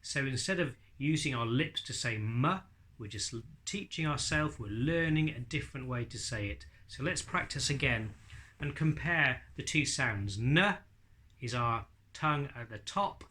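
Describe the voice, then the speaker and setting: Bright-voiced man, informal tutor. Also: medium pitch, lively intonation, moderate pace. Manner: explanatory, demonstrating isolated speech sounds. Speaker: ventriloquism teacher. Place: living room with bookshelves and leather sofa.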